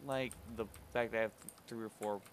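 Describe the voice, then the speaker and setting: A man's voice: fairly low pitch, steady tone, a little fast, a little hiss or hum. A man streaming a building game, rambling and correcting himself as he thinks aloud. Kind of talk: casual gameplay commentary.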